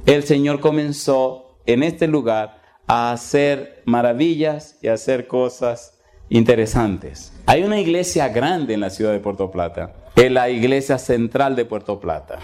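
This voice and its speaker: A man preaches through a funny story from his ministry. His voice sits at a middle pitch and he jumps into the characters' lines. He keeps it lively and conversational. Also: a little slow. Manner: humorous, animated, acts out dialogue. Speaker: pastor. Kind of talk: storytelling sermon.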